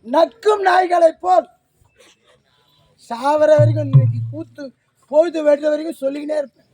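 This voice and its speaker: A stage actor with a Tamil Nadu accent playing a furious, preachy old hermit father in a village drama, shouting and declaiming. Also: extremely high pitch, moderate pace.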